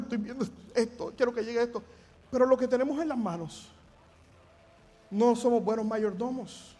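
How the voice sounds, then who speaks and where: A man's voice: extremely high pitch, darkish tone. A middle-aged man from Puerto Rico with a Puerto Rican Spanish accent, preaching a sermon as pastor in an earnest, emphatic way.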